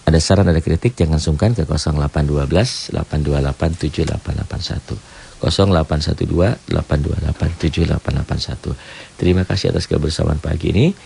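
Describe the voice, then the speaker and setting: A man's voice: a bass voice, fast, vocal fry, mellow. A man teaching Quran reading rules on a radio program, explaining patiently step by step and pointing things out as he goes. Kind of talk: radio tajwid lesson. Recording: radio broadcast with faint hiss.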